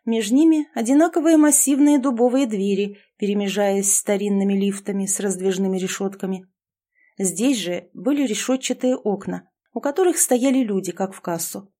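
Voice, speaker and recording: A woman's voice: mid-range voice, moderate pace, dark tone. A woman narrating a first-person fantasy novel as an audiobook, reading both characters' dialogue in her own voice.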